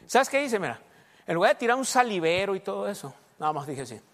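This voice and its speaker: A man preaching a sermon in a storytelling way, dropping to hushed asides and rising to emphatic exhortation. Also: high voice, sing-song, fast, long reverb tail. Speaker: pastor.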